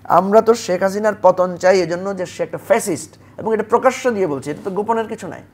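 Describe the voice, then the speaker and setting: High-voiced man arguing on a talk show. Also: quick pace, slight background noise. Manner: argumentative, rhetorical questions. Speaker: talk show guest, party leader. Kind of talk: political talk show debate.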